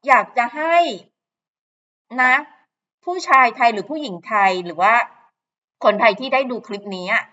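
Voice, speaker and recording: Bright-voiced chatty woman host. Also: fairly high pitch, expressive, normal speed, long pauses, muffled recording. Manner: chatty, gossipy, with frequent fillers and asides. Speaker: channel host. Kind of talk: casual commentary to camera.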